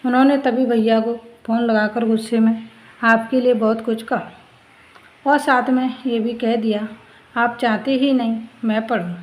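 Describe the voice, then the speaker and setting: A woman's voice: fairly high pitch, fairly even intonation, measured pace, lightly acted, rough recording. A woman voicing a tearful schoolboy who pleads with his sister-in-law, speaking in a pleading, tearful way.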